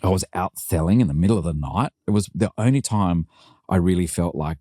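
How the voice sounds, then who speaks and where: A middle-aged man co-hosting a podcast, telling stories in an animated way and laughing often. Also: sits low, brisk, dry recording, studio quality. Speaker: podcast co-host. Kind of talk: casual interview chat.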